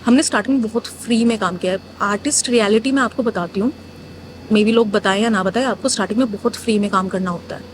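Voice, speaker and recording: A woman's voice: mid-range voice, fast, slight background noise. A young woman from northern India, a muralist, telling her story frankly in a casual interview, mixing Hindi with English. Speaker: muralist guest.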